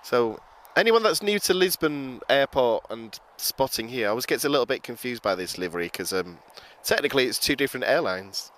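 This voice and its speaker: Hoarse man commentating live plane spotting. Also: medium pitch, expressive, brisk, hardly any pauses, a bit bright, slight background noise. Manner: chatty, keeps addressing viewers as guys. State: hoarse, gravelly voice. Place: outdoors at an airport.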